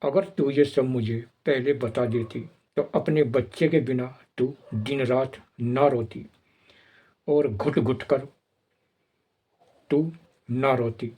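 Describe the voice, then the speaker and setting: A man's voice: mid-range voice, steady tone, takes it slowly, warm tone, breathy edge. A man reading the lines of a tearful, forgiving husband in a retold film story, in a plain reading voice.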